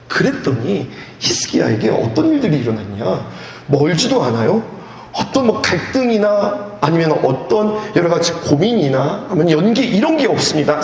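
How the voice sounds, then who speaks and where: A male pastor preaching a sermon at a youth retreat in an animated way, asking the audience questions and acting out scenes. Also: a little high. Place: church hall. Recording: echoey hall with faint background noise.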